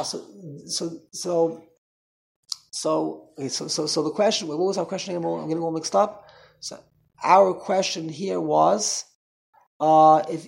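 A man teaching an informal Torah class as a rabbi, talking in an animated way and repeating himself. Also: sits high, gravelly. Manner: animated, repetitive, mixes Hebrew and Yiddish terms.

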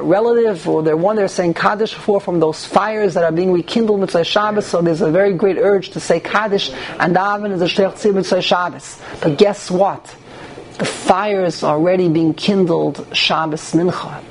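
A man gives an informal religious lecture to a group, repeating phrases and asking rhetorical questions. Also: high-pitched. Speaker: rabbi giving a religious class. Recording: noisy live room recording.

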